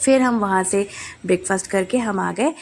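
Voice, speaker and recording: A woman's voice: mid-range voice, normal speed, gravelly, a little hiss or hum. A young adult woman with a cold, narrating a family vlog in casual chat, with many hesitant fillers. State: coughing, has a cold. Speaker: family vlogger.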